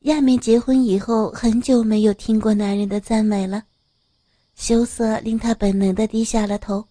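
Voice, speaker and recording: A woman narrating an audio story in a smooth, steady reading voice. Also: fairly high pitch, normal speed, no echo.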